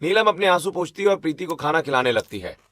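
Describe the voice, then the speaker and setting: A man narrating a cartoon story in a steady storytelling manner. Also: fairly high pitch, quick pace, crowd noise.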